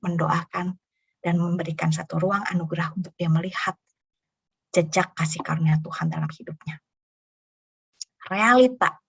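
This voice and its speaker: A middle-aged woman giving an earnest, expressive sermon and prayer to a church women's group. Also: lowish voice, vocal fry, breathy edge, no echo. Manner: expressive storyteller, earnest and pastoral. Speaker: speaker at a women's church ministry. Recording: dull lo-fi recording.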